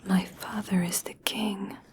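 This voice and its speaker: A woman voicing a kind, reassuring young elf princess in a soft, breathy, soothing whisper for an ASMR personal attention roleplay. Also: mid-range voice, little pitch movement, natural voice. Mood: soothing, caring. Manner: slow, gentle, soothing, hushed.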